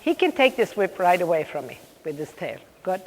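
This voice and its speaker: A woman coaching riding live, calling out brisk, projected commands in short repeated phrases, with brief praise between them. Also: fairly low pitch, sing-song. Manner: directive, interspersed with brief praise. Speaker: riding clinician coaching horse and rider. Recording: echoey riding hall with background noise.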